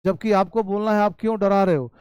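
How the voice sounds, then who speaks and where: A man teaching spoken English in Hindi with an Indian English accent, reading English sentences slowly and explaining them quickly. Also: high-pitched, steady tone, smooth, no room sound. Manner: addresses viewers warmly as "bhai" and "babu".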